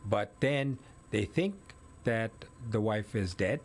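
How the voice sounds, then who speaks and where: A man's voice: lowish voice, slow pace. A man telling a case in step-by-step detail in a casual conversation, correcting himself as he goes. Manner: detailed step-by-step retelling, with self-corrections and fillers. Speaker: guest recounting a murder case. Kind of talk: conversational storytelling.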